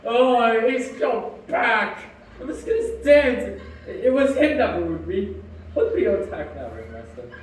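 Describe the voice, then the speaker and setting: A man's voice: very high voice, sing-song, takes it slowly, full character voice. A man playing a ragged, half-mad castaway in a live stage play, rambling jittery and calling himself by name. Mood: eager. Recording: echoey hall from far off, faint background noise.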